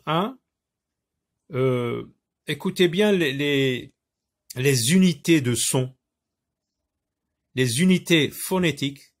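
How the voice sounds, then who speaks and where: A man explaining a reading lesson, halting with many fillers and restarts, sounding out syllables aloud. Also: on the high side, fairly bright tone. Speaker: teacher. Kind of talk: recorded lesson for teachers.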